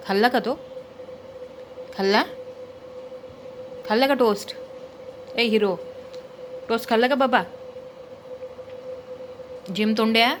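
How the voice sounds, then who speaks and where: A woman coaxes and teases her pet in a casual home-video chat, asking the same questions over and over. Her voice sits a little high and she talks at an unhurried, drawn-out pace. A faint hum of background noise sits under her voice. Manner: coaxing, teasing, repeats questions. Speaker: pet owner vlogger.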